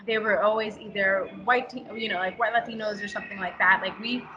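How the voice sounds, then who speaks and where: A woman's voice: mid-range voice, fairly even intonation, a little fast, highs cut off, over music. A woman from New York, a guest talking frankly and casually with lots of fillers. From New York, United States. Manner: frank and chatty, many fillers and restarts. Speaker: interview guest. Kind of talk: casual conversation.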